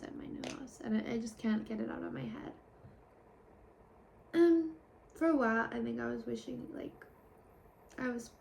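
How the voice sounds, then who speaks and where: A young woman in a casual confessional vlog, rambling candidly and sometimes dropping to a soft whisper. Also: fairly high pitch, vocal fry, a little hiss or hum. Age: young adult. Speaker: vlogger.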